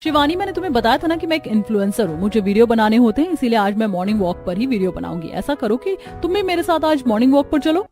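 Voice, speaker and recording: A woman's voice: a little high, expressive, quick pace, few pauses, darkish tone, faint music behind, close to an everyday voice. A woman voicing a vain, mocking young city woman in a narrated family story, talking in a showy, scornful way. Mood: pushy. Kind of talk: storybook voice acting.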